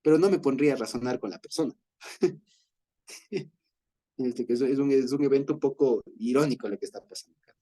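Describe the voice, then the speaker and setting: A man's voice: medium pitch, a little fast, long pauses, dark tone. A man with an Ecuadorian accent leading a Bible study, explaining with everyday examples and chuckling often. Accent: Ecuadorian Spanish.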